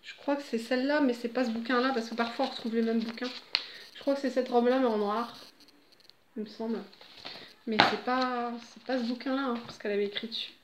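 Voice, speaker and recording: A woman's voice: on the high side, fairly even intonation, fairly quick, background noise. A middle-aged woman at home, chatting casually and rambling with laughs and fillers. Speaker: vlogger.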